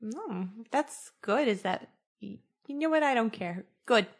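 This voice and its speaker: A woman's voice: a little high, animated, a little slow, husky. A woman playing a tabletop game, talking in a wry, sarcastic way. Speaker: player.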